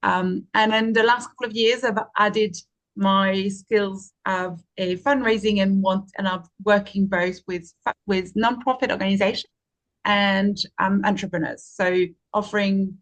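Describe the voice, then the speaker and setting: A woman in her forties from France, speaking as an interview guest, explaining her work steadily with frequent pauses. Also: mid-range voice, fairly even intonation, a bit bright. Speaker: guest, fundraising and marketing consultant. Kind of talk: interview answer, casual.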